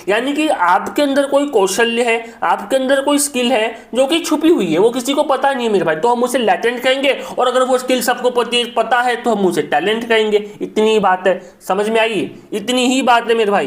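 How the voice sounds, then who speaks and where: A man teaching English vocabulary for exam prep. He keeps repeating himself and checking in with the viewer in a friendly, coaxing way. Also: very high-pitched. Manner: repetitive and coaxing, keeps saying "my brother" and "isn't it".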